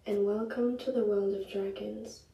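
A woman narrating a guided meditation in the gentle, hushed, unhurried manner of a sleep story narrator, with long pauses. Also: mid-range voice, steady tone, gravelly. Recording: roomy echo, distant mic, music behind. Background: music.

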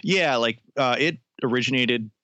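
A man's voice: mid-range voice, moderate pace, pushed and bright, no room sound, muffled recording. A forty-year-old man, a musician being interviewed, friendly and rambling, full of likes and restarts. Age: 40s. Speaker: musician guest. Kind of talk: casual interview. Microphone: phone line.

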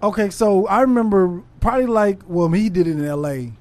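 A podcast host leads a casual chat, asking questions with playful curiosity and laughing easily. The pitch sits in the middle range. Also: brisk, darkish tone.

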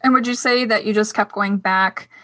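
A woman's voice: mid-range voice, fairly even intonation, normal speed, fairly bright tone, no echo. A woman hosting a podcast, asking follow-up questions and encouraging her guest. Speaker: podcast host. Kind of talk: interview questions.

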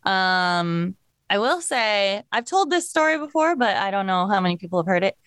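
A woman's voice: mid-range voice, sing-song, moderate pace, a bit bright, smooth, dry recording, studio quality. A woman in her thirties, a voice actress guest, telling anecdotes in a bubbly way and acting out quotes. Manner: bubbly, laughing, acts out quotes. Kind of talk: casual interview storytelling.

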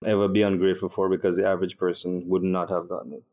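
A man, a podcast guest telling stories in a relaxed way, laughing easily. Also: deep voice, very fast. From Trinidad and Tobago. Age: 30s. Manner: relaxed storyteller, laughs easily, restarts often. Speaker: podcast guest, university lecturer. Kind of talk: casual interview chat.

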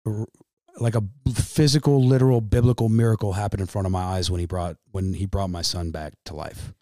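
A man in his thirties with a Midwestern American accent, a podcast guest telling an emotional story in a halting way, repeating himself and calling the host man. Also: deep voice, fairly even intonation, warm tone, no room sound.

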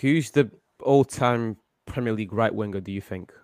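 A man's voice: lowish voice, normal speed, a little mellow, no echo, clean studio sound. A young man chatting casually as a game player, often repeating his phrases insistently. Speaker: team player in a football draft game. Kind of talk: casual group chat.

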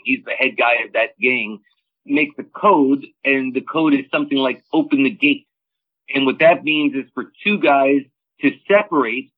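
A man, an interview guest, explaining casually and animatedly how things work, on a phone-like line. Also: medium pitch. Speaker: interview guest, former street hustler. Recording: tinny narrow phone-like line.

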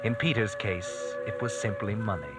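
A man's voice: fairly low pitch, normal speed, close to an everyday voice, rough recording. A man playing a sinister, all-knowing narrator of crime tales in an ominous, theatrical 1940s radio style. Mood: grave, suspenseful. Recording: old radio recording with loud music. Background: loud dramatic music.

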